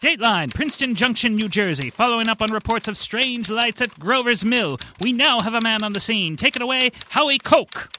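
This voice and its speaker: A man's voice: very high voice, animated, a little fast, hardly any pauses, noisy background. A man playing an urgent, earnest news anchor in an old-time radio bulletin.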